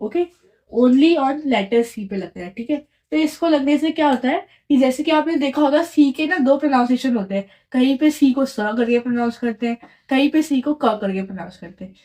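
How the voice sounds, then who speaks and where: A woman's voice: high voice, normal speed, dark tone. Young woman teaching, repeats herself. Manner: explains patiently, repeats answers as quiz questions. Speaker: French teacher. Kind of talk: casual online lesson.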